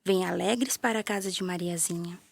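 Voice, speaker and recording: A woman with a Brazilian Portuguese accent narrating a children's story in a gentle, playful way, with little sound effects. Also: on the low side, a little fast, creaky, no room sound.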